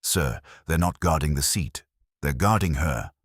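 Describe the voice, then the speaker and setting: A man reading a nervous alien security officer with a shaky, cracking voice, very deep and husky. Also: lively intonation, a little slow, no echo, clean studio sound, exaggerated voice. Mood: alarmed.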